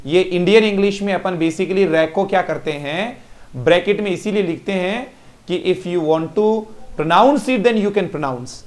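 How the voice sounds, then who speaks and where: A man's voice: high-pitched, unhurried. A man teaching English pronunciation in a live online class with an Indian English accent, repeating each word and praising students by name.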